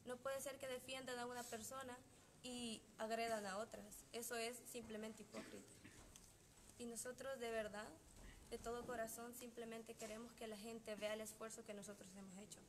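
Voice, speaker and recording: A young woman with a Salvadoran accent, a band member giving an indignant, heartfelt public statement with pauses and fillers. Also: fairly high pitch, little pitch movement, background noise.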